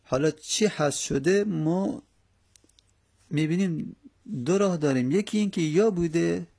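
A man teaching a grammar lesson, explaining slowly step by step with many pauses and fillers. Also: fairly high pitch, gravelly, mellow.

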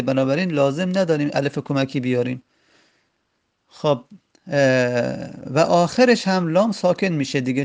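A man's voice: on the high side, gravelly. A man teaching a grammar lesson, patiently repeating each form aloud with frequent hesitations.

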